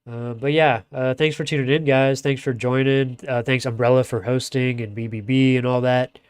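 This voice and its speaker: A man's voice: medium pitch, fairly even intonation, moderate pace, clear, resonant tone. A man with a nasal voice from blocked sinuses, casually giving loose, chatty play-by-play commentary on a strategy game as a streamer, swearing now and then. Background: music playing.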